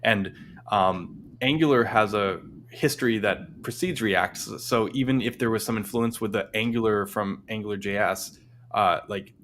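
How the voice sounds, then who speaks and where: Male stream host, lowish voice, casual rambling delivery, faint noise behind. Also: normal speed, a bit bright. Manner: rambling, many restarts and fillers. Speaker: livestream host. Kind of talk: casual tech chat.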